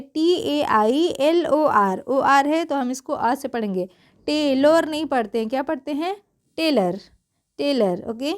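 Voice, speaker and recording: High-voiced woman teaching pronunciation. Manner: spells letters one by one, then says the word twice; asks the class questions and answers them herself. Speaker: English teacher. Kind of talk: spelling-out pronunciation lesson.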